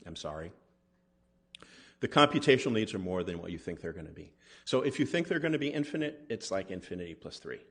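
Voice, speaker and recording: Man, low voice, husky, conference lecture, conversational, checks in with listeners. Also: big pitch swings, quick pace. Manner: conversational, asks the audience "right?" and "okay?". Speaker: molecular pathologist lecturing. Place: conference hall.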